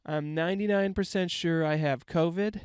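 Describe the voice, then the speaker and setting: A man's voice: fairly high pitch, moderate pace, clear, resonant tone, no room sound. Stuffy-nosed man hosting a rambling podcast. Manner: rambling, self-mocking jokes. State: stuffy, congested from a cold. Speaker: podcast host. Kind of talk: casual comedic monologue. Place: inside a parked van. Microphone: handheld microphone.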